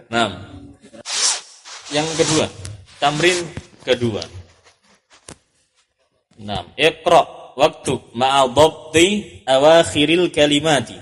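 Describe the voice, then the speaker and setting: A man teaching an Arabic lesson, patiently repeating and correcting each student's answer. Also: mid-range voice. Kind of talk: classroom drill lesson.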